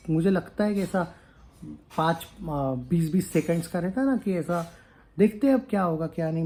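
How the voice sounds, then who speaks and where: A man talks casually about an upcoming film, his voice mellow and a touch higher than most men's. He rambles in a relaxed chat, hesitates with fillers and drops English phrases into his talk. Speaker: film news YouTuber.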